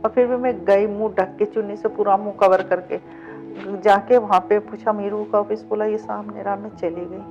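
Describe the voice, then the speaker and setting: Middle-aged woman, interview guest, mid-pitched voice, lively first-person storytelling with acted-out dialogue, dull lo-fi sound, faint music underneath. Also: normal speed. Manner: vivid retelling that acts out past dialogue. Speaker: interview guest, cab driver.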